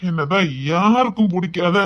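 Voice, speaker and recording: A woman's voice: fairly low pitch, moderate pace, dull audio, natural voice. A woman doing a drunk heartbroken young man. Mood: tearful. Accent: Tirunelveli Tamil. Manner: faltering, stammering, pleading. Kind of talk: amateur dramatic dialogue.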